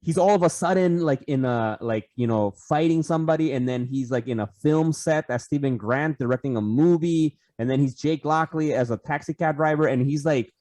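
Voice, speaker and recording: A man's voice: on the high side, brisk, few pauses, warm tone, no room sound. A man co-hosting a casual podcast over a video call, rambling with lots of restarts, fillers and swearing. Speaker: podcast co-host.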